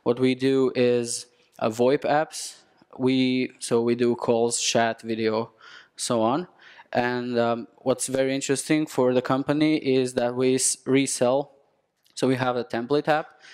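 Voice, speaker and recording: A man's voice: mid-range voice, a little mellow, smooth. Serbian-accented man giving a tech talk. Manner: halting, with frequent restarts and fillers. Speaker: conference speaker. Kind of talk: technical conference talk. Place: conference hall, at a lectern.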